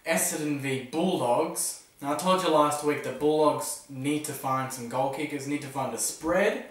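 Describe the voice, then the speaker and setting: A man's voice: fairly high pitch, normal speed, distant mic. An Australian man previewing the football round in a casual, opinionated way, cracking jokes at his own expense. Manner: opinionated, self-mocking jokes. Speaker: footy tipster vlogger. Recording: echoey room, voice from the mic.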